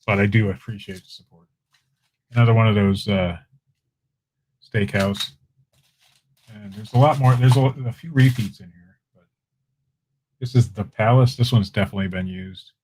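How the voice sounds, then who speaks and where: This live-stream auction is hosted by a man with a fairly low voice, who talks at normal speed but leaves long pauses. He's chatty and relaxed, addressing viewers in chat as he shows items and takes bids.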